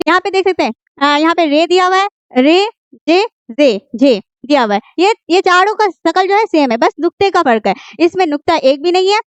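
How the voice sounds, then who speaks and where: A woman's voice: extremely high pitch, animated, moderate pace, no echo. A woman teaching a beginners' language class, patiently asking questions and answering them herself, with frequent fillers and self-corrections. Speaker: Urdu teacher. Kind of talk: online language lesson.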